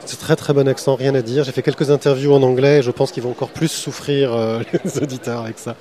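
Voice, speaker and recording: A man's voice: medium pitch, little pitch movement, a little fast, a crowd in the background. A man hosting a podcast, interviewing a comic artist at a festival and then chatting about his day there with many fillers.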